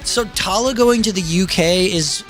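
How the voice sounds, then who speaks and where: A young man, a band singer and vocal teacher, rambling casually on a livestream, swearing freely and acting out quotes in animated voices. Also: high-pitched, normal speed. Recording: faint background music.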